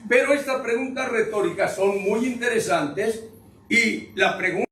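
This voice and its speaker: A preacher delivers a sermon in a high, bright voice, teasing the congregation and throwing questions at them. He sounds a bit far from the mic, his voice bouncing around a reverberant church with faint noise underneath. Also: moderate pace. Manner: joking, questions the congregation directly. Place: church sanctuary. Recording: echoey room, distant mic, faint noise.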